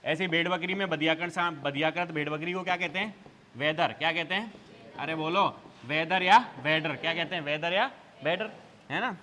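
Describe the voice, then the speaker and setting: Man drilling a class with quick questions. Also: fairly high pitch, bright, forceful tone. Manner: quizzing students with repeated call-and-response questions. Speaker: teacher. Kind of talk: exam revision lecture. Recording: hall reverb.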